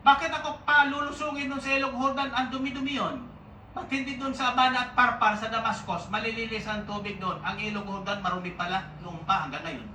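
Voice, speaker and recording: Proud general, outraged and high-voiced, put on by a preacher mid-sermon; roomy and distant. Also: male voice, fairly quick, a little hiss or hum, full character voice. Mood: indignant. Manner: indignant, shouting complaints. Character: angry proud male army general.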